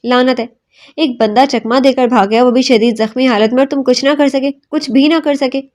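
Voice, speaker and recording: A woman's voice: sits high, fairly even intonation, lightly acted. A woman voicing an angry male police superintendent scolding his men in a storybook reading. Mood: furious. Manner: shouting, scolding.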